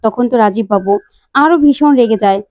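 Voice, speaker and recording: Fast, high-voiced woman storyteller. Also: dry recording, muffled recording. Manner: plain, steady scene-by-scene retelling. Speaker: storyteller retelling a TV serial episode. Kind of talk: retelling narration.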